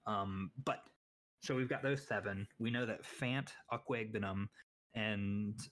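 A young man with a fairly low voice talks casually about sports as a podcast co-host. He rambles and holds firm opinions, and he often laughs at his own slips. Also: a little slow, a bit bright. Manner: rambling, opinionated, self-deprecating.

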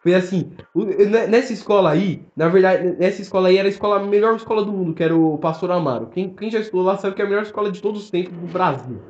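A young man with a Brazilian accent, telling stories in fast, slangy casual podcast chat full of fillers. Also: high voice, a little mellow. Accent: Brazilian Portuguese. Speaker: podcast co-host. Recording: roomy, dull lo-fi sound.

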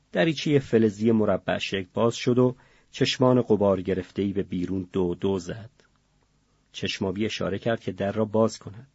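A male audiobook narrator with a low, husky voice reads in a measured, grave way. The recording is dry and slightly muffled, as if the highs were rolled off. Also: darkish tone, no room sound.

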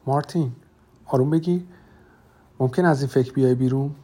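A man's voice: mid-range voice, dark tone, slightly rough, close to an everyday voice. A man voicing a friend who talks in a soothing, earnest way. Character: adult man calming a grieving friend.

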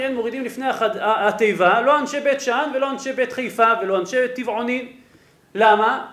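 A rabbi delivers a lesson on religious law in a fairly high voice for a man. He explains patiently, walks through his sources and keeps asking his listeners whether they follow. The room around him is echoey. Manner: explanatory, checks in with rhetorical "right?". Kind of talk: Torah lesson. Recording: roomy echo.

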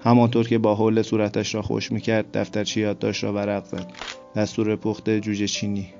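Male narrator, low and gravelly, flat steady read, dull lo-fi sound. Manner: steady, flat storytelling delivery. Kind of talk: scripted literary narration. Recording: dull lo-fi recording with soft music.

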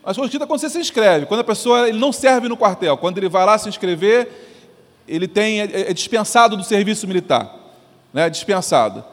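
A man preaching an animated sermon as pastor, acting out voices as he goes. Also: high-pitched, a little fast. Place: church sanctuary. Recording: long church reverb.

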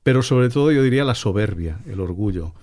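A man's voice: lowish voice, expressive, brisk, a little mellow. A middle-aged man, a painter and guest on a radio panel, talking hesitantly with many restarts.

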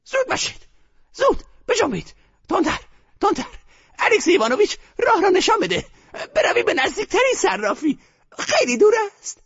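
A man voicing an imperious, frantic old grandmother gambler who shouts commands. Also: very high-pitched, huge pitch swings, dull audio, pitched above the performer's own voice, full character voice.

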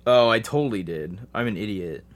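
A man's voice: lowish voice, a little fast. A man co-hosting a casual movie podcast, bantering loosely and laughing at his own mistakes. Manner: loose, self-deprecating banter. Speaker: podcast co-host. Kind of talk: casual movie review chat.

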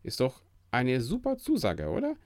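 A man's voice: mid-range voice, wildly swooping pitch, normal speed, darkish tone, no echo, clean studio sound. A man hosting a devotional podcast, talking earnestly and encouragingly in a preacher-like way. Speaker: podcast host.

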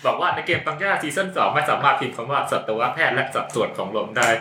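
A young-sounding man trading rowdy, joking banter at a fast clip. His voice is very bright and lively, bouncing up and down. The room around him is echoey. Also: mid-range voice, slight background noise. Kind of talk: casual chat among friends.

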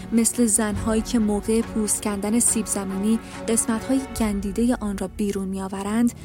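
A woman narrating an audiobook, reading a novel in an even, measured, subdued way over soft music. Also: medium pitch.

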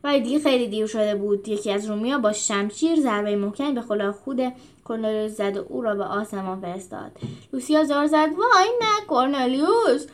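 A woman hosting a show, reading a storybook aloud in a steady narrating voice. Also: medium pitch. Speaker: storyteller and host.

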